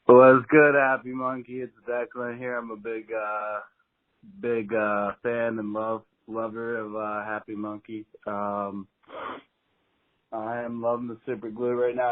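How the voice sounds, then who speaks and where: A man's voice: on the low side, flat delivery, measured pace. A man leaving a voicemail message as a listener, stumbling over his words with fillers as he goes. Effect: voicemail message over a phone line. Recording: tinny phone-line voicemail.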